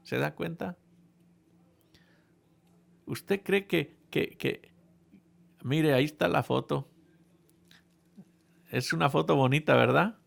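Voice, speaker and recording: A man preaching to a congregation with a somewhat high, gravelly voice. He tells a humorous story playfully and with animation, often breaking off and restarting his phrases. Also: slow pace, long pauses.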